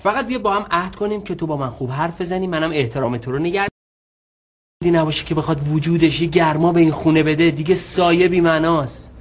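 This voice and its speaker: In a TV series, a male actor with a fairly high, almost everyday voice plays a cash-strapped husband caught in a squabble. He sounds defensive and wheedling as he bickers.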